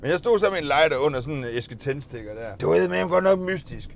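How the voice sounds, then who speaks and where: A man telling old childhood stories in a loose, rambling way, often laughing and breaking off to restart. His voice sits a little high and swings widely in pitch. A faint vehicle rumble runs underneath, as if he is talking from inside a vehicle. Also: animated, creaky. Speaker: vlogger. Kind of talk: casual storytelling of childhood memories.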